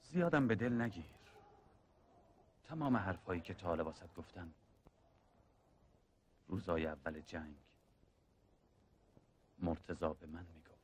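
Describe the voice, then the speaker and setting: An actor playing a seasoned male soldier who calmly mentors a younger comrade and recounts the war. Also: sits low, a little hiss or hum, lightly acted. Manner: calm, measured storytelling. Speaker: older soldier in war film.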